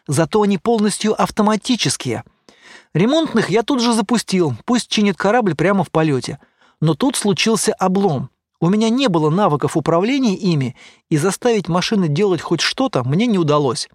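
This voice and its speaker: A man's voice: a little fast, dry recording, studio quality. A man reading a science fiction audiobook, narrating and voicing the characters' lines. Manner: raises pitch for excited quoted lines. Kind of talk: scripted audiobook narration with dialogue.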